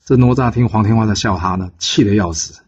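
Taiwanese-accented guy casually telling an old tale, low husky voice, dull lo-fi sound. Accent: Taiwanese Mandarin. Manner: relaxed, frequent drawn-out pause particles. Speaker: storyteller. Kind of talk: casual storytelling narration. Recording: dull lo-fi podcast recording.

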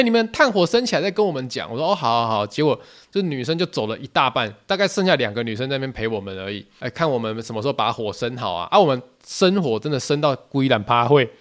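A young man with a Taiwanese Mandarin accent, hosting a podcast and telling a story in a lively, casual way, acting out other people's voices. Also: medium pitch. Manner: animated, quotes people in shifting voices. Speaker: podcast host.

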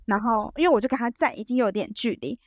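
A woman telling a story as a podcast guest, animated and full of restarts. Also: a little high, fast, no echo, studio quality. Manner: animated, acts out quoted dialogue, frequent restarts.

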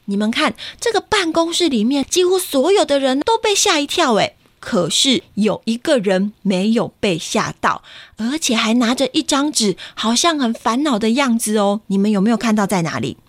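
A woman reading a picture book aloud to children, playful and animated, asking them questions. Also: a little high, normal speed, no room sound. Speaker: storyteller for children.

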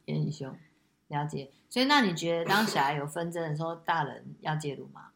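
A woman hosting a casual chat with her daughter, telling family stories in a lively way with many restarts. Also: sits low, brisk, creaky, a little hiss or hum. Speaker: podcast host and mother.

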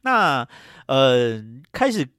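A man's voice: sing-song, very slow, a bit bright, clear, resonant tone, no echo, clean studio sound. A man hosting a podcast, recapping a film's plot in a rambling, casual way, often trailing sentences with filler phrases and acting out characters' lines. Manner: acts out characters' lines with jumps in pitch. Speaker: podcast host.

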